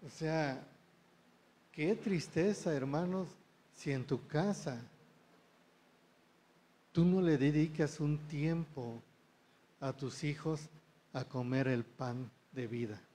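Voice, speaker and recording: A man's voice: on the high side, takes it slowly, pauses often, warm tone. A man preaching a sermon, often checking in with the congregation through short rhetorical questions.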